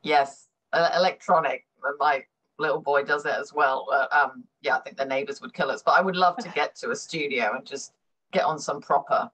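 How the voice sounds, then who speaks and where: Her voice is low, husky, and fairly bright, moving at normal speed on a low-quality recording. She is a middle-aged business consultant raised in Hong Kong, giving a thoughtful conversational interview full of fillers and repetitions.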